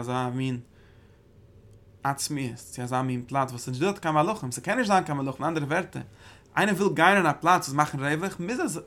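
A man's voice: medium pitch, gravelly. A man giving a religious study lecture, breaking into emphatic bursts and often repeating and restarting his phrases. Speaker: Torah teacher.

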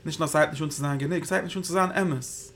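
Gravelly-voiced man teaching Torah in Yiddish. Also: fairly high pitch, fast, a bit bright, slight background noise. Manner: rambling, thinking aloud, Hebrew terms woven in. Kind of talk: Yiddish Torah class on the Zohar.

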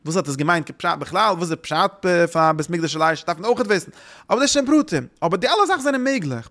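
A man talks through religious ideas in a loose, informal way. His voice sits a little high, and he halts and circles back over the same phrases again and again. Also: animated, fairly bright tone. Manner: rambling, halting, repeats phrases.

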